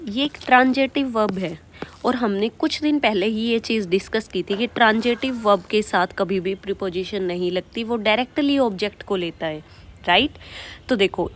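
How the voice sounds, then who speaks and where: A woman teaching English vocabulary in Hindi for exam preparation. She explains patiently, often checks in with "right?", and reads the example sentences in an Indian English accent, slowly and carefully. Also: medium pitch, slight background noise. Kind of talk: online exam-prep lesson.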